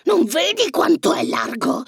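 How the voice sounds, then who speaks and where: A cackling, cruel old witch, as a male narrator puts her on, with a gravelly, creaky voice. She talks slowly and sneers, her pitch swooping wildly high and low. The sound is dry and close, as in a storybook recording. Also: sing-song, a bit bright, dry recording, exaggerated voice. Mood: commanding. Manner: slow, sneering, shrill swoops. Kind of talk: storybook reading.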